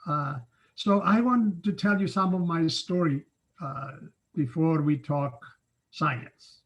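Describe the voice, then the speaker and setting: A man in his seventies from Cyprus, giving an informal online talk from his home study over a video call, unhurried and conversational with frequent filler pauses. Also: on the high side. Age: 70s. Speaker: guest scientist speaker. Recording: dull lo-fi video call audio.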